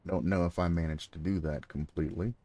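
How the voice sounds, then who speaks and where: Deep-voiced man streaming a game. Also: steady tone, fairly quick, dark tone. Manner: talks to himself and chat, sarcastic asides. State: clears throat often. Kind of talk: casual gameplay commentary.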